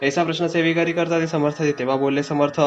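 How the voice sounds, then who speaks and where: A man reading a devotional scripture aloud in a steady, sing-song way, as a recitation. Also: fairly high pitch, quick pace. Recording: dull lo-fi recording with faint music.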